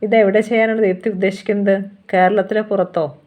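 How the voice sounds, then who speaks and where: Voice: medium pitch, flat delivery, fairly quick, a little mellow, natural voice. The narrator voices a college teacher who speaks to her student in a friendly, encouraging way. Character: college teacher guiding a final-year student. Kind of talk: storybook reading.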